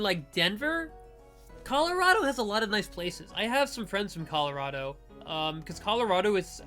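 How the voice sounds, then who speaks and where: A woman with a medium-pitched, slightly bright voice hosts a let's play of a visual novel. Her commentary is casual, rambling and jokey, and she reads out the characters' lines too.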